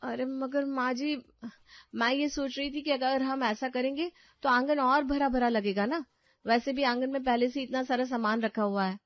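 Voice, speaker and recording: A woman's voice: sits high, fairly even intonation, moderate pace, no echo, close to an everyday voice. A woman voicing a meek young daughter-in-law in a cartoon story, polite and pleading. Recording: dull dry voice-over with faint music.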